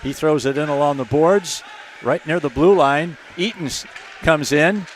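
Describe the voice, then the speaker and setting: A man with a slightly raised pitch calls a hockey game play by play, keeping an even running commentary that bursts into shouts on big chances. Faint noise hums behind him. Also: moderate pace. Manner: steady call that rises to shouts on shots and goals. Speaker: play-by-play announcer.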